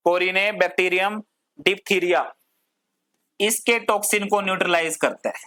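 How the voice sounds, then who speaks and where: A woman's voice: on the high side, fairly bright tone. Female pharmacy teacher, patient classroom lecture in Hindi and English, asks the class questions and answers them, drawls terms. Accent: Hindi-English code-switching. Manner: drawls long technical terms word by word.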